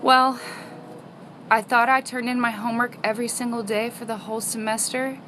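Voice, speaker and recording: A woman voices her young daughter, an earnest and slightly oblivious schoolgirl explaining herself in a quiet voice. The tone is bright and fairly high, with a faint hiss behind it. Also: level tone, normal speed. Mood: sheepish.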